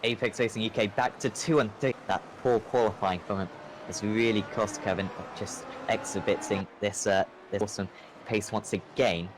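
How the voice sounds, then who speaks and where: A man commentating live on a sim race as a motorsport commentator, with an excitable play-by-play delivery that lifts with the action. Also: fairly low pitch, normal speed. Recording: clear engine noise behind. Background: race car engines.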